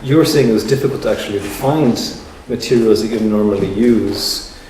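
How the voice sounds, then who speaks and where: In a cavernous, echo-filled gallery, a man with a fairly low voice presents an artist to the public as the curator. He is recorded from afar with a constant hum of ambient sound, and his delivery is deliberate and reflective as he gropes for words.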